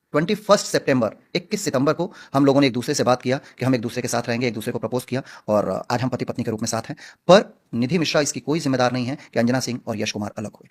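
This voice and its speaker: A man answering interview questions as a film actor, speaking earnestly and outspokenly with emphatic stresses. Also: medium pitch.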